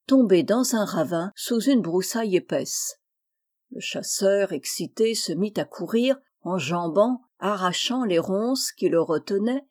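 A woman narrating a classic short story aloud in a measured, expressive reading. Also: mid-range voice. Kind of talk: literary audiobook reading.

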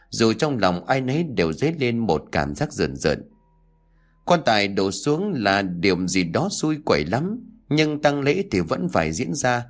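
A man narrating a horror story in a dramatic, expressive way. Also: medium pitch.

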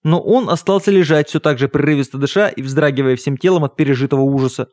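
A man narrating a first-person literary audiobook in a measured, even storytelling manner on a close studio mic. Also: medium pitch, dry recording.

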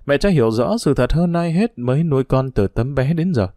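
Man reading as a gentle, firm middle-aged mother, soothing, dry voice, audiobook. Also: mid-range voice, animated, brisk, dry recording, natural voice.

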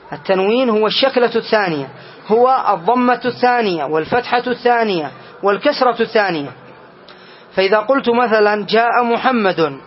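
A man with a notably high voice teaches grammar to a class. He explains patiently, repeats each key point and puts questions to his students. The lo-fi recording sounds dull, with a faint hiss under it. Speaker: sheikh teaching Arabic grammar.

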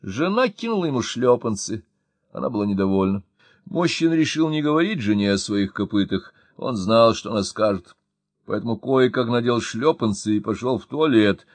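A man narrating an audiobook with expressive storytelling. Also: mid-range voice, moderate pace, no echo.

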